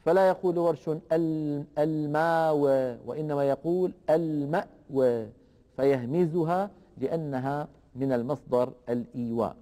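A man teaching a lesson on the rules of Quranic reading, explaining slowly and deliberately and drawing out the example words. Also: fairly high pitch, warm tone, long reverb tail.

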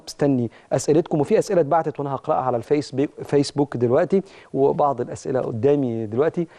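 A man's voice: medium pitch, warm tone. A man with an Egyptian accent hosting a religious motivational talk show, preaching emphatically and speaking straight to his listeners.

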